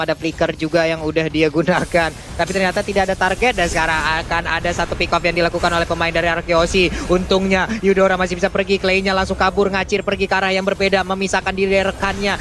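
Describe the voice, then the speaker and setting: Indonesian guy casting esports, really high voice, talks fast, excited, bit of music behind. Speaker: esports match commentator. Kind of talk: excited play-by-play game commentary.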